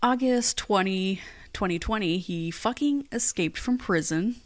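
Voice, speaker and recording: A woman's voice: mid-range voice, unhurried. A woman co-hosting a casual podcast, reading out case facts in a plain recap with dry, blunt asides. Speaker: podcast co-host.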